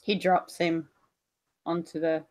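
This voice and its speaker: Woman player in a tabletop storytelling game, understated, slow delivery. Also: deep voice, level tone, darkish tone.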